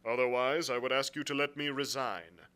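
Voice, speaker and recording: A man's voice: medium pitch, normal speed, sharp tone, smooth, voice pushed up, close to an everyday voice. A man voicing a stern, stubborn ship's captain in an adventure story, clipped and plain-spoken. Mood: firm, insistent.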